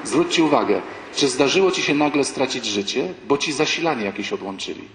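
A male priest giving a sermon-like talk, telling anecdotes with animated storytelling and acting out the people in them. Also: medium pitch, a little fast. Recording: echoey hall with long reverb, faint background ambience.

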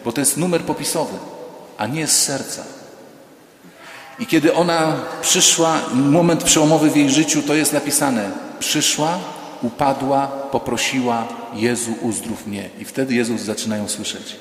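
A man, a priest, preaching a sermon in a lively storytelling way, acting out the voices of the people in his stories with humor. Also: a little high, moderate pace. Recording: echoey church hall.

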